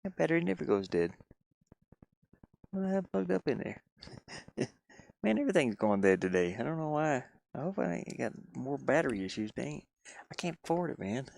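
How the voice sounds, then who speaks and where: On the high side yet darkish in tone, this gravelly voice is very animated, moving at a moderate pace with long pauses. It belongs to a man who lives in a van, livestreaming games and developing them as a hobby, speaking casually and unscripted from inside with folksy rambling and self-directed muttering.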